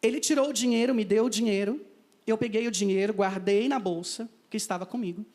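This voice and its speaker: In a high-pitched, darkish voice at a slightly fast pace, a missionary with a Brazilian Portuguese accent relates his testimony. He tells it vividly, acting out the conversations.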